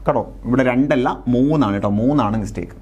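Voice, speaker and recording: A man's voice: medium pitch, a little mellow, lo-fi sound. Male tutor with a Malayali accent. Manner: explains patiently, often asks "clear?" and repeats answers; reads example sentences slowly and word by word. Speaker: exam-prep English tutor. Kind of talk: online class lecture.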